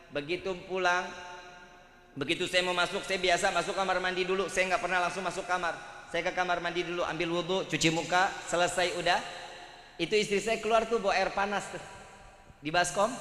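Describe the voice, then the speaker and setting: A man's voice: high-pitched, bright, forceful tone. A man with a Betawi accent preaching a humorous sermon to a gathering, teasing and joking with the audience. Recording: echoey hall with faint background noise.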